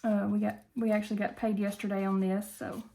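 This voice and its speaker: A woman's voice: mid-range voice, little pitch movement, brisk, creaky, dark tone. A woman from Tennessee with a country Appalachian Southern accent, chatting casually and folksily to viewers as the host of a budgeting video.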